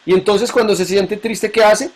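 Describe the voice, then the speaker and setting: A male teacher leads a classroom Bible lesson. His voice sits somewhat high, and he keeps asking his students questions and repeating the key points back to them. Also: fairly even intonation, moderate pace.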